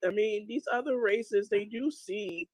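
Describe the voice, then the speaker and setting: A woman guest in a casual chat, agreeing with short interjections and talking slowly. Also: medium pitch, a little mellow, dry recording, low-quality recording.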